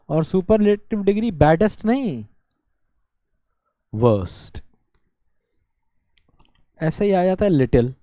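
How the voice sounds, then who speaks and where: Male tutor, exam-prep lesson, self-quizzing delivery, soft dark tone, dead-dry booth. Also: high voice, dry recording. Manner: explains by asking and answering his own questions; drawls words out to show syllables. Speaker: teacher.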